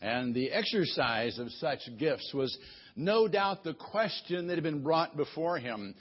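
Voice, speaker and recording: A man preaching an expository sermon as a pastor in a careful, unhurried way, phrasing deliberately with pauses, on a dull lo-fi recording. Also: on the high side, animated, husky. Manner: careful, unhurried, step-by-step delivery.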